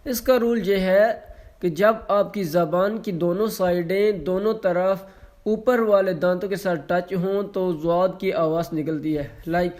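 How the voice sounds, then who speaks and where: A man teaching Quran letter pronunciation online, stretching each letter sound slowly and explaining quickly in between, with some English mixed in. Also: sits high, darkish tone. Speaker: Quran reading tutor.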